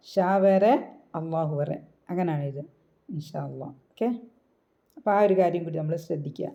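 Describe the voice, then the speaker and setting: A woman teaching a recitation lesson in Malayalam, patiently repeating syllables slowly to demonstrate the sounds. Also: on the low side, dark tone, dull audio.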